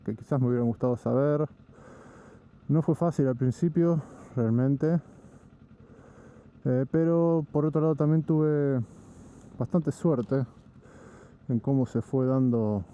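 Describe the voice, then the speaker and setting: A man from Argentina with an Argentine Spanish accent, narrating a casual vlog while driving, in a relaxed, rambling way with frequent restarts. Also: mid-range voice, dull audio. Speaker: vlogger. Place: in a vehicle on the road.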